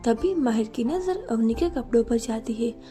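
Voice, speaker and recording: A woman narrating a romance story in a steady, even reading style. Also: a little high, normal speed, soft background music.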